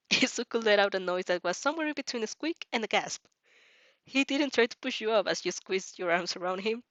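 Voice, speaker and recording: An amateur woman narrator reads fan fiction in a mid-range voice at a fairly quick pace. She is excitable and giggly, stumbling over words and reacting as she goes, with no room sound.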